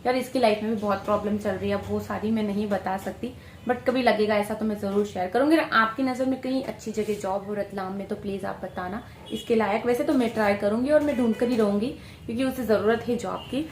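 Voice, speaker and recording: A young woman, vlogging in a casual, animated way at her workplace, coaxing and teasing a colleague. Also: medium pitch, fast talker. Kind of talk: casual vlog chat. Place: workplace room among staff. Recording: echoey room, faint ambient noise.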